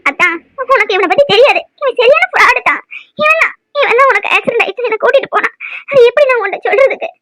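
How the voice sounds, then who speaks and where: A woman's voice: very high-pitched, lively intonation, fast talker, fairly bright tone, dry recording. A woman voicing a frightened young wife in a cartoon, pleading and scolding by turns. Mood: fearful. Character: frightened young wife, tearful and sharp-tongued. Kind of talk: cartoon voice acting.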